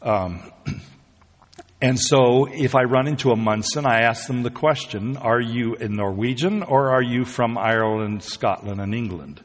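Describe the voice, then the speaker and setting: A man's voice: medium pitch, a little slow, long reverb tail. A man preaching a sermon, talking conversationally and rising to emphatic peaks. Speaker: pastor.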